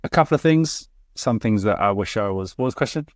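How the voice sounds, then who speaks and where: A man co-hosts a casual podcast chat in a low voice. He speaks candidly and thoughtfully, often restarting his sentences. The recording is dry and close. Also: lively intonation, fast talker, dry recording. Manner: candid, reflective, with hesitant restarts. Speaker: podcast co-host.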